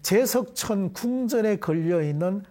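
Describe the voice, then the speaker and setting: A middle-aged man leading a Buddhist prayer and explaining scripture terms to a class in a deliberate, measured way. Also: high voice, animated, warm tone. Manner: deliberate, measured, leads call-and-response repetition. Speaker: Buddhist dharma teacher. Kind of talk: devotional prayer and explanatory dharma lecture.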